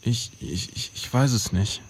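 A man's voice: mid-range voice, sing-song, moderate pace, a little mellow, husky. A man playing an anxious, devout young soldier in an audio drama, with a hesitant, stammering delivery. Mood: wary, hesitant.

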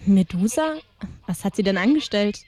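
A woman playing a wounded, sardonic Gorgon in a comic audio drama, pointed and deliberate in manner. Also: mid-range voice, animated, a crowd in the background, close to an everyday voice. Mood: curious. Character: bitter, wounded, sardonic female Gorgon monster. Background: faint music.

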